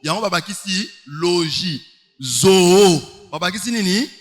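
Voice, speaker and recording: A man's voice: sits high, animated, measured pace. A man preaching a sermon, emphatic, with rhetorical questions and sing-song stretches. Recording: long hall reverb.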